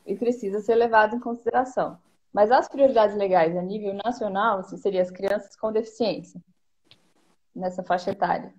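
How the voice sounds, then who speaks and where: A woman with a Brazilian accent, a policy consultant calmly explaining her points one by one in a live-streamed conversation. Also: mid-range voice, fairly quick. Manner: methodical, lays out points one by one. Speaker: education policy consultant, guest. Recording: dull lo-fi stream audio.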